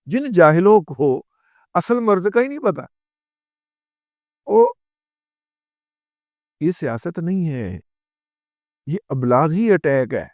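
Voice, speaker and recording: A man's voice: a little high, sing-song, pauses often, darkish tone, no echo, studio quality. A male political analyst with a Punjabi accent giving a heated, scornful commentary monologue that mixes in Punjabi phrases. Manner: switches between Urdu and Punjabi.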